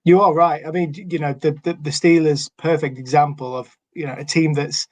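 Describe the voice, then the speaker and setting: A man's voice: on the high side, steady tone, moderate pace, no echo. A man co-hosting a casual sports podcast chat, hesitant with many fillers and restarts. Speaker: podcast co-host.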